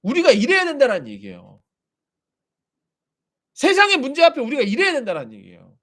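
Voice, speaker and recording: A man's voice: very high-pitched, wildly swooping pitch, brisk, a bit bright. A man preaching a sermon as pastor, animatedly acting out quoted voices.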